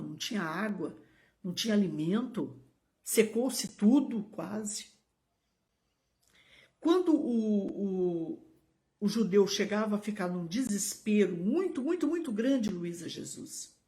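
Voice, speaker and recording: A middle-aged woman pastor with a Brazilian Portuguese accent preaching a live-streamed sermon, emphatic, with sudden high exclamations, speaking to viewers by name. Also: mellow.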